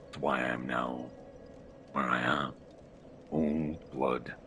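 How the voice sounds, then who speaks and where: Man through a voice changer, extremely deep. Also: steady tone, slow pace, pushed and bright, faint music behind. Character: gruff veteran male inquisitor soldier. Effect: voice changer lowering the voice. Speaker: roleplay player. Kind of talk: in-character roleplay chat.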